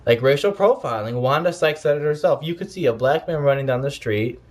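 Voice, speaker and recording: A man's voice: on the high side, animated, brisk. A stoned man rambling through a casual vlog rant, scattered and often losing his thread and trailing off.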